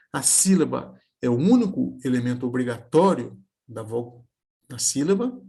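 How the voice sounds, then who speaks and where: A man teaching a video lesson, slowly sounding out example words syllable by syllable. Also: mid-range voice, vocal fry, breathy edge. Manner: slow, careful, spelling words out syllable by syllable.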